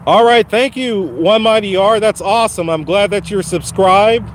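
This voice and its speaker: A channel host does his first live stream from a phone held while walking a dog outdoors on a lawn. His high-pitched voice is slightly raspy from a cold and moves at a moderate pace, with slight background noise. He casually encourages viewers, repeats himself, and addresses them by name.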